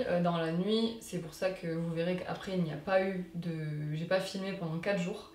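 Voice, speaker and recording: A woman's voice: lowish voice, darkish tone. Casual woman in an echoey room. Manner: informal, slangy, chatty storytelling. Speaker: vlogger. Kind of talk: casual recovery vlog. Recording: echoey room with background noise.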